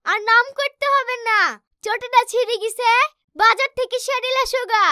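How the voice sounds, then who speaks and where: A practical, bossy village wife from a comic cartoon, acted by a performer, coaxing and scolding by turns. The voice is very high and bright, recorded close and dry. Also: fairly even intonation, moderate pace, no echo.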